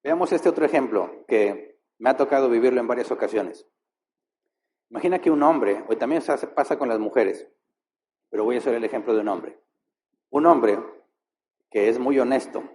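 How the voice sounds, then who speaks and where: A man preaching a sermon as pastor, posing rhetorical questions and shifting his pace and loudness for effect. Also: mid-range voice, normal speed, long pauses, a little hiss or hum.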